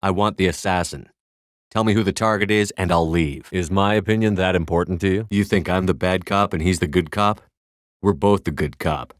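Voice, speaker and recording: A man acts out a hardened male military commander of a starship for a video game. His voice sits on the low side, with a clipped, authoritative way of giving orders and a dry edge to the delivery. The sound is clean and dry, with very little room around it. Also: a little fast, no room sound, lightly acted. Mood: cool, threatening.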